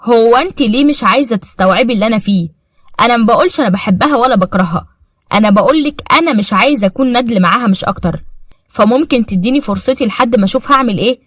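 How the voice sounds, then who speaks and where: A woman's voice: a little high, racing, no echo, studio quality, close to an everyday voice. Name: Asem. Confused husband as a woman narrator reads him. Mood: defensive. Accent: Egyptian. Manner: defensive, pleading. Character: confused adult husband with lost memory.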